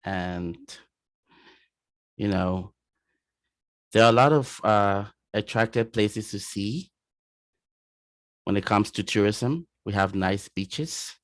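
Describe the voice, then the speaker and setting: A man from Liberia with a Liberian accent, speaking as an interview guest in casual talk, often pausing with "you know". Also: lowish voice, no echo, studio quality. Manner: warm-hearted, many fillers like "you know".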